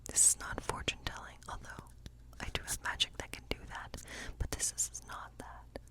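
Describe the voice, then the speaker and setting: A woman in an ASMR fantasy role play portrays a gentle cottage witch, lightly acted, speaking entirely in a soft, breathy whisper. Her delivery is unhurried and musing, as if quietly reading tarot at night.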